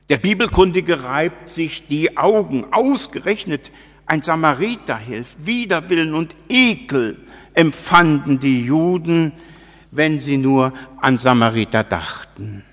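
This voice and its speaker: Guy preaching real slow, kinda high voice, long echo like a big church, dull sound. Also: fairly bright tone. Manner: slow, deliberate preaching with rhetorical questions. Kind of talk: sermon.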